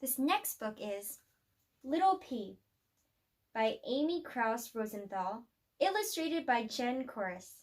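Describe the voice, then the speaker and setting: A woman with a high voice reads aloud from a children's picture book. Her storytelling is expressive, marked by deliberate pauses.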